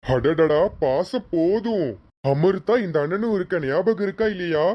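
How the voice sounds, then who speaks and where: A man's voice: high voice, animated, measured pace. A man voicing a cheerful, teasing younger brother in a fan-made serial drama, in a lo-fi recording. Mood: playful.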